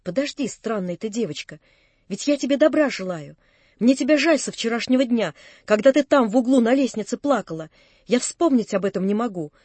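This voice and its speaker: A woman's voice: on the high side, animated, fairly quick, darkish tone, slightly rough, no room sound. A woman reading as an earnest young man, pleading. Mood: gentle pleading. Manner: urgent, pleading.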